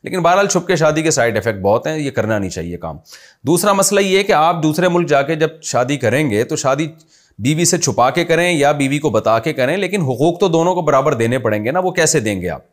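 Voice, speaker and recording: A man's voice: fairly high pitch, animated, a little fast. Pakistani man answering religious questions. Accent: Pakistani Urdu. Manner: conversational, explains with examples. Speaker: Islamic scholar answering questions.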